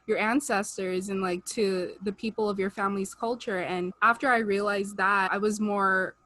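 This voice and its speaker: Speaking at normal speed in a mid-range voice with a sharp tone and fairly even intonation, a young American woman co-hosts a podcast. She talks earnestly in casual chat with rising feeling and frequent "like" and "you know," using a video-call webcam mic indoors at home, with no echo.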